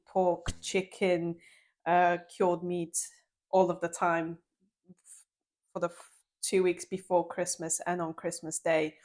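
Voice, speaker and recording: Woman, Bulgarian accent, young adult, blunt, swears, dark humor, low-pitched. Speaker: podcast co-host. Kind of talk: casual chat.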